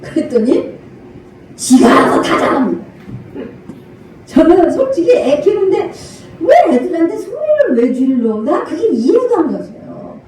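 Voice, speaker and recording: An older woman pastor preaching a sermon, animated, acting out parent and child voices and laughing often. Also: very high-pitched, unhurried, background noise. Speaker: senior pastor. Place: church sanctuary. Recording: echoey church hall from far off.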